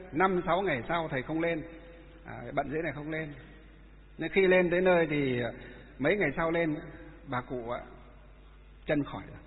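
A man, a Buddhist monk giving a dharma talk and telling stories, with many halting filler sounds. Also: sits high. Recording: echoey hall, tinny phone-like sound.

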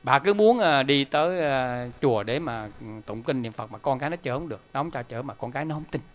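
A man's voice: medium pitch, fairly quick, soft background music. A middle-aged man giving a Buddhist dharma talk, telling stories animatedly and speaking straight to his listeners. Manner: animated, emphatic, addresses the audience directly. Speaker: Buddhist lay teacher.

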